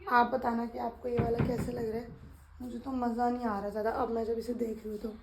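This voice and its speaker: Soft-spoken young woman vlogging at home. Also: on the high side, level tone, noisy background. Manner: soft, slow talk to spare her voice. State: resting a strained throat. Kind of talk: casual vlog chat. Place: home kitchen.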